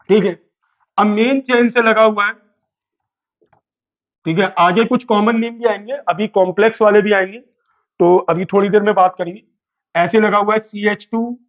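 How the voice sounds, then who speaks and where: High-voiced man teaching, tinny sound. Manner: playful, asks questions and answers them himself. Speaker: chemistry teacher. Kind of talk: classroom lesson at a board. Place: classroom with a board.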